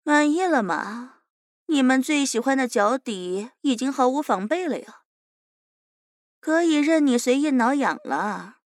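A woman's voice: high voice, expressive, unhurried, no room sound, clean studio sound. A woman voicing a fearless, smug young captive who teases her interrogator and calls herself big sister, in an audio drama. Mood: mocking.

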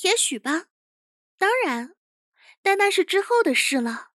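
A woman's voice: extremely high pitch, big pitch swings, unhurried, fairly bright tone, no echo, studio quality, voice pushed up, exaggerated voice. A woman voicing a proud, touchy young male interrogation chief with a cocky manner, in an audio drama. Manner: cocky, confident.

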